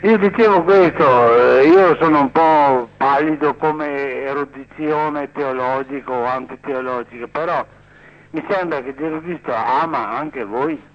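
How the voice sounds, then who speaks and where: A man's voice: a little high, measured pace. A man calling in to a radio show over the phone, speaking politely and hedging his points. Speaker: radio call-in caller. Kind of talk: casual call-in chat. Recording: muffled phone line.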